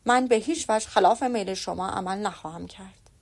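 Darcy, a stiff proud gentleman, read by a woman. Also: fairly high pitch, lively intonation. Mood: reserved. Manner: formal, restrained. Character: proud reserved young gentleman.

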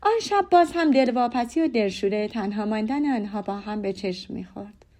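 A woman narrating a classic novel as an audiobook in a calm, measured storytelling manner. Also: mid-range voice. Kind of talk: scripted narration.

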